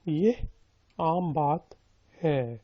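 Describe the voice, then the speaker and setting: A man's voice: a little high, dry recording, lo-fi sound. A man teaching a language lesson, repeating each sentence several times and splitting it word by word before explaining its meaning. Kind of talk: slow, repetitive phrase drilling with explanations.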